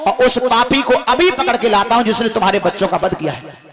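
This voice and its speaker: A storyteller doing brash warrior Arjuna. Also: male voice, extremely high pitch, lively intonation, a little fast, crowd noise. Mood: resolute. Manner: brash, impatient. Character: hot-blooded warrior prince Arjuna. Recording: music playing behind.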